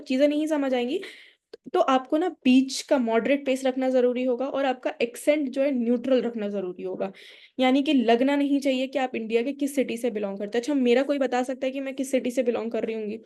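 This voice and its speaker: An Indian woman with a neutral accent leads a public speaking workshop, explaining concepts, mixing English into her Hindi, and posing questions to the audience. Her high-pitched, mellow voice is fairly even in intonation and a little fast.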